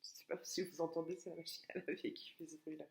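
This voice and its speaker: A woman teaching a lesson to young children at home, speaking slowly and deliberately and encouraging them as she stretches out words. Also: sits low, little pitch movement, creaky, darkish tone. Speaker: preschool teacher. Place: home, washing machine running. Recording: echoey room recording.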